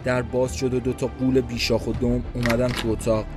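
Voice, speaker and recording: A man's voice: medium pitch, level tone, over music. Man narrating a tense first-person story. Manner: tense, introspective inner monologue, slow and dazed at times. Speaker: writer and narrator of the podcast.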